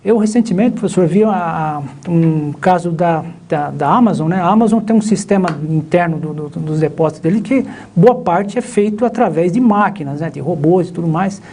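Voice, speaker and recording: Rambling Brazilian professor, mellow voice. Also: male voice, high-pitched, moderate pace, few pauses, a little hiss or hum. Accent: Brazilian Portuguese. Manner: rambling, many restarts and fillers. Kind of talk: live online lecture chat.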